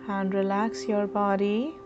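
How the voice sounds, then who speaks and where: Woman meditation guide, unhurried soothing delivery, slightly muffled audio over soft music. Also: medium pitch, level tone. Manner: slow, soothing, instructive.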